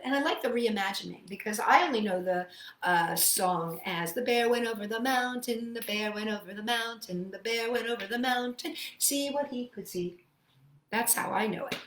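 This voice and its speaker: A woman with a medium-pitched, slightly bright voice hosts a children's storytime, recorded with a roomy sound. She reads aloud, sings along and chats expressively, speaking directly to her young listeners.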